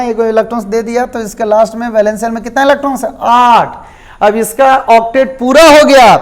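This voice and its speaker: Chemistry teacher asking and answering himself. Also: male voice, sits high. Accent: Jharkhand Hindi. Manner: asks and answers own questions, repetitive check-ins. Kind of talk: classroom lecture.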